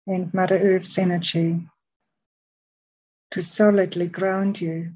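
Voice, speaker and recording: A woman leads a guided meditation very unhurriedly, with soothing short phrases and long gaps. Her voice is soft, breathy and mellow, and the recording sounds slightly muffled. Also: on the low side, little pitch movement, takes it slowly.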